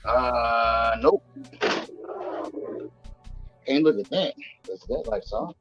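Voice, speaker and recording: A man of ordinary pitch hosting a relaxed live stream, talking in a loose, slangy way and swearing freely. Faint music plays quietly behind him. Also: very slow, highs cut off. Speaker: podcast host showing his grow. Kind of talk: casual stream chat.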